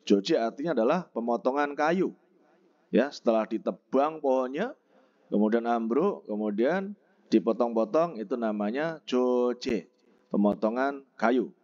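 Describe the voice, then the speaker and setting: Slow, lively-voiced man teaching vocabulary. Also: mid-range voice, dull audio. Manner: slow, explanatory, repeats words and pronunciations. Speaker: Korean language teacher. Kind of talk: textbook vocabulary lesson.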